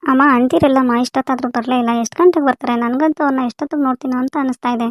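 A woman's voice: high voice, fairly even intonation, racing, dry recording, natural voice. A woman playing a married daughter visiting her parents in a family skit, speaking politely. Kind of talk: amateur village family skit.

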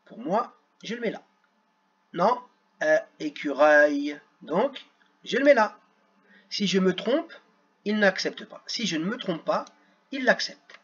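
A man's voice: high-pitched, animated, a little slow, long pauses, fairly bright tone, husky, lo-fi sound. A man teaching young children at a computer, sounding out words syllable by syllable. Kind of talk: screen-recorded lesson for children.

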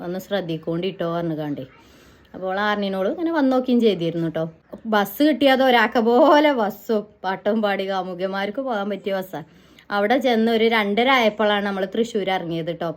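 Fast-talking chatty Malayali woman vlogger. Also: medium pitch. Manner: chatty, rambling, often ends with "kettō". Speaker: family vlogger. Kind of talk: casual storytelling to viewers.

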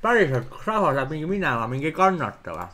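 A man with an Estonian accent, chatting casually on his livestream in halting, broken English and swearing freely. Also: on the high side, big pitch swings, bright, forceful tone. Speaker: streamer.

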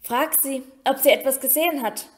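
An earnest young schoolboy with quick, curious questions, read by a woman. His voice is high for a boy. An audiobook storybook character. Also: close to an everyday voice.

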